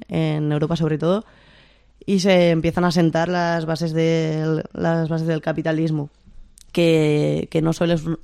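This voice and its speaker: A speaker of unclear sex with a Spain accent and a slight lisp, explaining informally and haltingly, often checking with short tag questions. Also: medium pitch, vocal fry, dark tone, clean tone, no room sound, clean studio sound. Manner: lisping, pronouncing s as th. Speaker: discussion leader.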